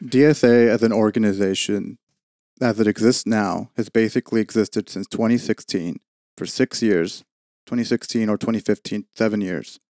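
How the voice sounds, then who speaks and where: A man's voice: lowish voice, fairly even intonation, moderate pace, a little mellow, no room sound, clean studio sound. A man speaking as a guest on a casual podcast panel, in an assertive, argumentative way.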